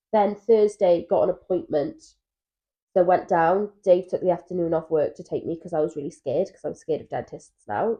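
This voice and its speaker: A young woman in her twenties co-hosting a couples podcast, chatting casually and telling stories with animated asides. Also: lowish voice. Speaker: podcast co-host. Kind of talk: casual chat. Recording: dull lo-fi mic sound.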